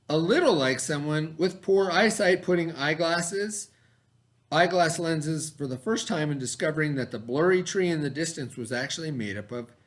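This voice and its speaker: In this expressive read-aloud for children, a male teacher with a fairly high voice lets his intonation rise and drop dramatically. He leans on key terms, says them again, and offers simple explanations the way a teacher would.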